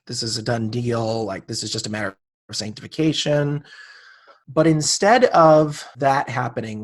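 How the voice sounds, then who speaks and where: A man in his late thirties, a podcast guest, telling a personal story in casual conversation and acting out the people he quotes. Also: medium pitch. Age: 30s.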